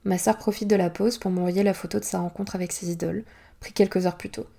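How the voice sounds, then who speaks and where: A woman author reading her own novel aloud in first-person narration, calm and even. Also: on the low side, fast, vocal fry.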